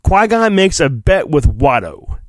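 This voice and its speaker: Reading a children's storybook in mock-dramatic style, a man on his solo podcast uses drawn-out, theatrical emphasis and flippant asides. His voice sits a little high and swings widely in pitch. The audio is dry and studio-clean.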